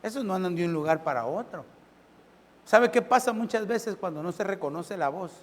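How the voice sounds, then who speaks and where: A pastor preaching a sermon. He keeps asking the congregation questions and swings between loud and soft. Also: sits high, lively intonation, moderate pace, big-room sound.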